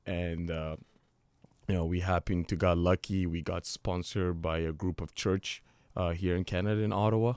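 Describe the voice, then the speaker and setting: Young man from South Sudan, interview guest, earnest, very low voice, dry studio. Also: fairly even intonation, normal speed, darkish tone, clear, resonant tone, no room sound. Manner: earnest, loose phrasing with fillers. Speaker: guest, former footballer. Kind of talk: interview storytelling. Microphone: studio microphone.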